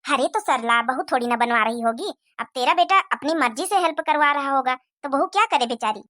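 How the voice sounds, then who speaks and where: A kindly older cartoon aunt, as a woman voices her talks in a calm, fair and soothing way. Her voice is high, bright, and a touch lower than the others around her. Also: fairly quick. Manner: soothing, reasonable. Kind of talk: Hindi cartoon moral-story voice acting.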